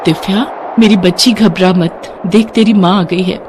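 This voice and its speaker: A woman voicing the gentle spirit of a dead mother who soothes her child tenderly. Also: medium pitch, fairly even intonation, a little slow, noisy background, lightly acted. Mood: soothing. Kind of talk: animated storybook voice acting.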